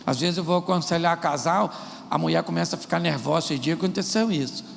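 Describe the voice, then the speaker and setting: A man's voice: fairly high pitch, quick pace, creaky, a little hiss or hum. A man preaching a sermon, using humor and acting out married couples' quarrels. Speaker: pastor. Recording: large hall with long reverb.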